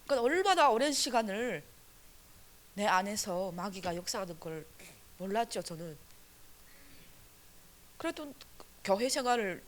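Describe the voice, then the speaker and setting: A woman evangelist giving an earnest, animated testimony at a church service, with many fillers. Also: mid-range voice, measured pace, pauses often.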